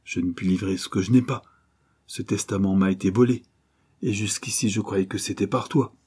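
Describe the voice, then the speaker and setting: A man's voice: fairly low pitch, fairly even intonation, normal speed, a little mellow, husky. A man reading aloud and voicing a brave, level-headed young engineer in an adventure story. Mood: defiant.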